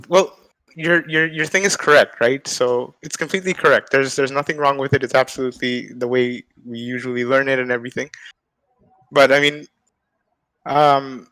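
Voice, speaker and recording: Here a math student, a young man on as a guest speaker, talks through ideas informally on a video call mic, packing in hedging fillers and asking "right?" to check in. The voice sits in the mid range with a sharp tone; there's no echo, and the audio quality is poor.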